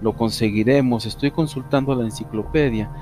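A man voicing a fussy, excitable know-it-all male cat in a storybook reading. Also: mid-range voice, fairly quick, natural voice. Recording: music under the reading.

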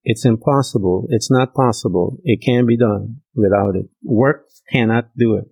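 A man's voice: medium pitch, normal speed, gravelly, a little mellow, slightly rough, no echo, poor audio. A man preaching a sermon in an emphatic, conversational way, with sudden rising bursts.

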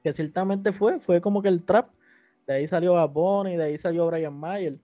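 A man from Puerto Rico, a podcast guest and platform founder, chats through a casual interview in a Puerto Rican Spanish accent. His slightly high voice sounds mellow and dark at a moderate pace as he uses slang, mixes in English words, and acts out quotes. Faint music plays underneath, and the highs are cut off.

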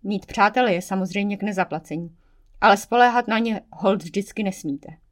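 Woman narrator, scripted audiobook reading, wry and expressive storytelling. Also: medium pitch. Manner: first-person male narrator voice, wry, expressive.

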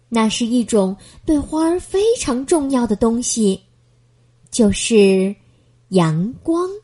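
Lady reading a kids bedtime story, gentle, slow, lots of melody. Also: a little high, slightly rough.

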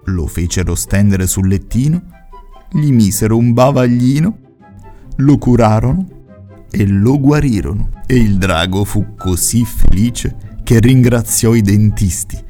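A man narrating children's stories in a gentle, playful way that talks to the listeners. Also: lowish voice, unhurried, soft background music. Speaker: storyteller.

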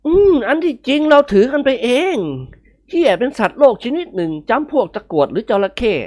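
A woman voicing a cheeky, quick-tempered young man who argues playfully in a storybook reading. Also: a little high, big pitch swings, a little mellow, pitched above the performer's own voice. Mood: musing. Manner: playful, argumentative.

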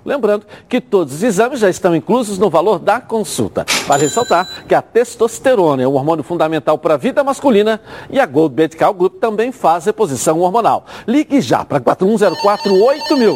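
A man with a Brazilian Rio accent reading a hard-sell ad as a TV sports host, in an emphatic, urging manner. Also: darkish tone. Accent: Brazilian, Rio de Janeiro. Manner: emphatic, urging sales pitch.

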